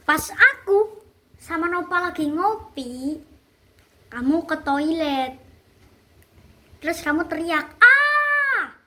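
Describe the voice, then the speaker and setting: A woman's voice: sits high, slow, pauses often, bright, forceful tone. A chatty woman, casually talking a friend through a skit script. She strings the scenes together with "then" and acts out each quoted line, her tone shifting. A faint hum of ambience sits behind her. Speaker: script dictator.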